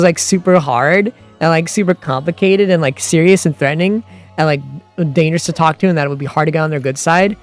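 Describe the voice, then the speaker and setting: A man chatting casually with his stream viewers, rambling with lots of fillers and restarts, and sounding exasperated. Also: fairly high pitch. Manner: grows heated and exasperated. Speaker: livestream host.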